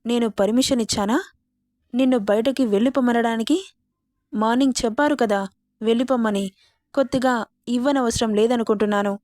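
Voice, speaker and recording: A woman's voice: fairly high pitch, steady tone, fairly quick, long pauses, a little mellow, natural voice. An arrogant young rich man, taunting and menacing with a harsh edge, as a woman storyteller puts him on. The voice is recorded dry and close, with no room echo. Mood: threatening. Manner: taunting, threatening.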